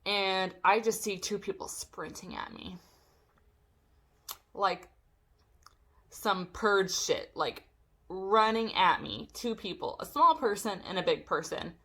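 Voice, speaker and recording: A young woman vlogger telling a storytime, animated and swearing as she acts out what people said. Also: medium pitch, slow, pauses often. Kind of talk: storytime vlog.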